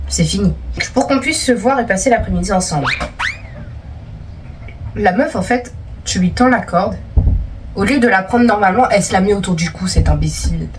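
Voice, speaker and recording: A woman's voice: mid-range voice, moderate pace, pauses often, far from the mic, slight background noise. A young woman vlogger reading out viewer stories and teasing them in casual, playful chat.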